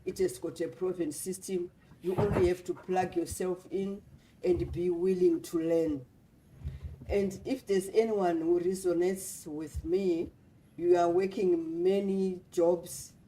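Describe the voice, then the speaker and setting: A woman's voice: fairly low pitch, fairly even intonation, takes it slowly, dark tone, slight background noise, low-quality recording. A woman from Zimbabwe speaking earnestly as a guest on a livestream panel, in a repetitive, motivational way. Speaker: guest speaker, nurse and business mentor.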